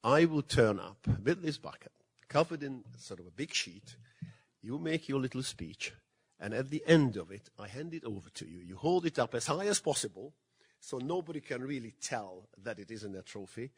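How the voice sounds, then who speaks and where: A man's voice: medium pitch, big pitch swings, normal speed, breathy edge. An older man from Hungary giving a lecture, telling stories in a dry, self-deprecating way. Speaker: guest speaker. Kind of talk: anecdotal lecture. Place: museum lecture hall.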